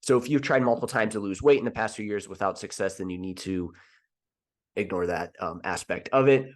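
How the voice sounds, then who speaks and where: A man in his thirties, a fitness coach hosting a solo podcast, talking casually with lots of fillers and restarts. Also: deep voice.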